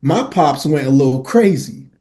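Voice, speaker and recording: Interviewed on a podcast, this Miami man in his forties earnestly recounts his life, his talk peppered with slang, "uh"s and "right?"s. He sounds animated, with a fairly high pitch, a dark tone and a moderate pace.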